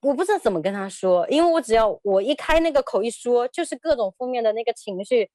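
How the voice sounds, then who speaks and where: A woman in her thirties recounts a personal story for an interview. She speaks in a fairly high voice, hesitant and prone to repeating words, with laughter breaking in. The sound is dry and close, with no room echo. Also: expressive, quick pace, darkish tone.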